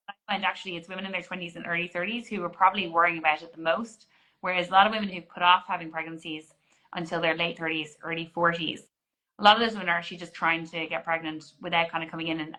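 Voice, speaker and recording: A woman's voice: fairly low pitch, level tone, quick pace, bright, forceful tone, poor audio. A woman in her forties, a GP, answering interview questions in an explanatory way with many restarts. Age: 40s. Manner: explanatory, frequent restarts and fillers.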